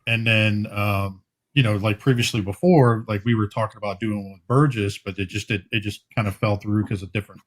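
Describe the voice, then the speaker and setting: A man's voice: lowish voice, fairly even intonation, a little fast. Rambling laid-back male podcast co-host. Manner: rambling, laughs often, many fillers. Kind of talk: casual chat.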